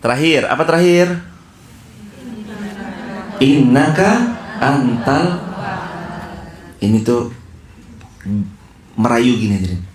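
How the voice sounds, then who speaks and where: A male preacher giving a sermon to an audience, shifting between casual explanation and slow, pleading chanted prayers. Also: medium pitch, animated, roomy sound. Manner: pleading, chanted Arabic verses, addresses audience.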